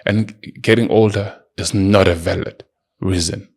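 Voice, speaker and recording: In his solo motivational podcast, a man in his early thirties lectures emphatically and talks directly to the listener. His husky, darkish voice is on the low side, fairly even in intonation and a little slow.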